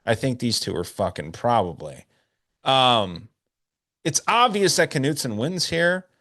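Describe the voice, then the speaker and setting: Podcast host, man, casual and profane, mid-pitched, easygoing. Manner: loose, profane, talks through picks. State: drinking whiskey, hiccuping. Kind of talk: casual chat.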